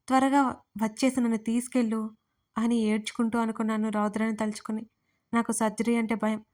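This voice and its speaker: A woman narrating her own emotional first-person audio story, voicing every character herself. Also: a little high. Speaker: writer and narrator.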